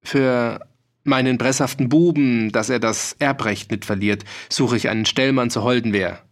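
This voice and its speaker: A man's voice: mid-range voice, moderate pace, lightly acted. A man voicing a grave, worried peasant judge with a dialect, earnest and stern. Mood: hesitant troubled.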